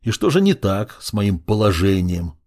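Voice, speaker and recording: A man's voice: lowish voice, big pitch swings, moderate pace, darkish tone. Man voicing a indignant crippled investigator. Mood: grumbling. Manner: indignant and defensive.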